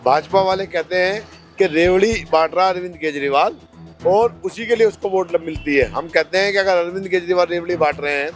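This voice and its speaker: A man's voice: high-pitched, fairly quick, faint music behind. A male politician answering interview questions, arguing his party's case with rhetorical questions. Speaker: politician, candidate.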